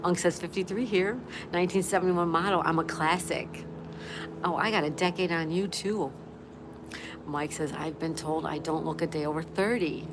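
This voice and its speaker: This low-voiced woman in her sixties hosts a livestream, keeping a steady tone at a moderate pace despite the background noise. Casual and talkative, she reads viewer comments aloud, says hello to viewers, and repeats phrases.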